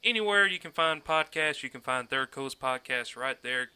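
A male podcast host with a very bright, smooth and crisp voice. He chats in an easygoing way and plugs the show. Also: medium pitch, animated, moderate pace. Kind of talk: casual podcast chat.

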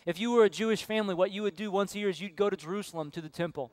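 Earnest male preacher, clear dry voice. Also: high-pitched, racing, dry recording. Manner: earnest preaching, storytelling with hushed quoted voices. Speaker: pastor. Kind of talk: sermon. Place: church sanctuary.

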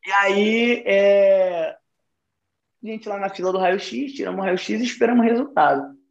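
A young man, telling an anecdote in casual chat, profane and animated. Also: high-pitched, measured pace, creaky, dull audio. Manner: profane, animated, slangy storytelling. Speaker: podcast storyteller.

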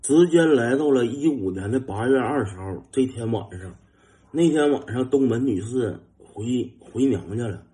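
A young man with a Northeastern Mandarin accent spins a casual anecdote at a mid-range pitch. He keeps it lively, imitating engine sounds and breaking into chuckles as he goes. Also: normal speed. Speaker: storyteller.

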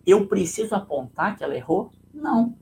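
A Brazilian man with a gravelly, creaky voice talks through a leadership lesson on a live stream. He tells a story in a loose, chatty way and keeps checking in with his listeners. A faint hum of room noise sits behind him. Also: high-pitched, very animated, normal speed, a little mellow, poor audio. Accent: Brazilian Portuguese. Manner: conversational, tag questions, storytelling.

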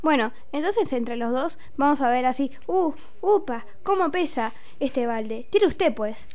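A woman's voice: high-pitched, expressive, unhurried, a little mellow. A woman with a Rioplatense Spanish accent playing a teasing, pushy rural suitor in an audio drama. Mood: pushy, playful. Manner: teasing, exclamatory.

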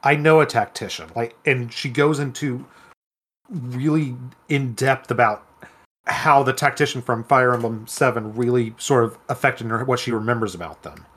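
A man with a mid-range voice, co-hosting a relaxed podcast about video games. He explains things in an easy, conversational way and picks up speed when he gets excited. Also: mid-range voice, normal speed. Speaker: podcast co-host.

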